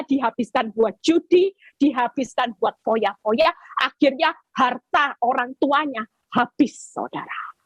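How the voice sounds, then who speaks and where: A woman's voice: sits high, no echo, highs cut off. A woman evangelist preaching a sermon over a video call, emphatic and repeating her phrases. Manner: emphatic, repeats phrases, acts out quoted cries.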